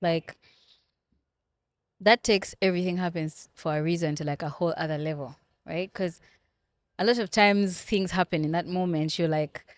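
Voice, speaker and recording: A woman's voice: lowish voice, steady tone, moderate pace, no echo, studio quality. Chatty young woman hosting a podcast. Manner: warm, responsive, many "like"s. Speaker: podcast host. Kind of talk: casual podcast interview.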